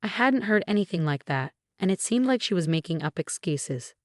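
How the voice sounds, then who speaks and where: A woman narrating a first-person story in a calm, even way, her voice set fairly low. The recording is dry and close, with no room sound. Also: normal speed, no echo.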